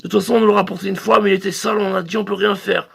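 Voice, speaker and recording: A man runs through a crude, rambling sales pitch in a comic phone sketch, stumbling over hesitations as he plays a shop receptionist. His voice sits high, with a heavy gravelly crackle and a sharp, bright edge. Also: level tone, very fast.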